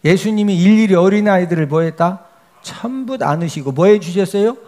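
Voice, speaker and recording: A man's voice: high voice, a little fast, warm tone. A male pastor preaching a sermon, often asking the congregation questions and answering them himself, with frequent emphatic checks to the listeners.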